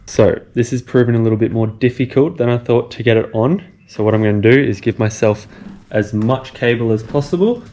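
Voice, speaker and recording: A relaxed man walks through a bike repair one step at a time, in a plain mid-range voice. The sound is roomy and echoey, with a faint hiss of noise underneath. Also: medium pitch, brisk. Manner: relaxed, talks through each step as he works. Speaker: bike tech presenter. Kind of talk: casual how-to demonstration.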